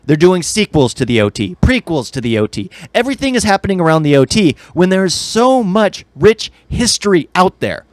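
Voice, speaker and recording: A man co-hosts a podcast, rambling enthusiastically with strong opinions about video games and film. His high-pitched voice swings widely in pitch at a moderate pace with hardly any pauses, and there's no room sound.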